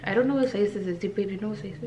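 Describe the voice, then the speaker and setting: A woman's voice: medium pitch, racing, mellow, slight background noise. A woman vlogging at home in a casual, chatty way, talking straight to her viewers. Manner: chatty, addresses viewers as "you guys". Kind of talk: casual vlog chat with sponsor read. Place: home room. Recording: echoey room.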